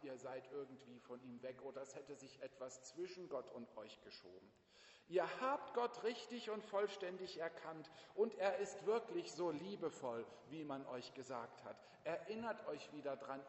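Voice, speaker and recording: Man, pastor, sermon, emphatic, slightly high voice, echoey church with long reverb. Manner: emphatic, addresses congregation directly.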